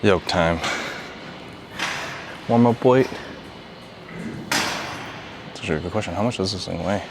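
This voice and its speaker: A man's voice: deep voice, a little slow, gravelly. A man chatting casually to the camera between workout sets in a gym, rambling and laid-back, often saying "dude.". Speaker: vlogger. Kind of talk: casual workout vlog chat. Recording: noisy gym ambience.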